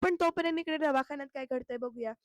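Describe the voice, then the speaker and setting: A woman's voice: sits high, fast talker, no echo. A woman narrating a chatty voice-over recap of a TV serial episode, talking straight to the viewers. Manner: chatty, addresses viewers directly.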